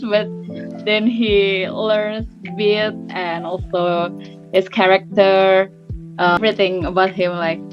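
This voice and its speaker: Woman, 20s, from Indonesia, casual filler-heavy talk, muffled audio, guitar behind. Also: medium pitch. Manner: casual, many fillers like "yeah". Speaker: student.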